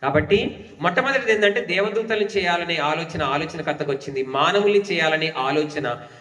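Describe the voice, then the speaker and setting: A man's voice: fairly high pitch, fairly quick, fairly bright tone. A man preaching a sermon as pastor, asking the congregation questions and urging them to clap. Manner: rhetorical questions, urging claps. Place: church hall. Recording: echoey hall, distant mic.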